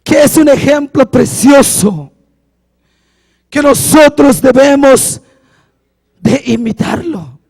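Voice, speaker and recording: A young man preaching a passionate sermon, often shouting and drawing out his words for emphasis. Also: extremely high pitch, lively intonation, creaky. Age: young adult. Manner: impassioned, often shouting, slow drawn-out emphasis.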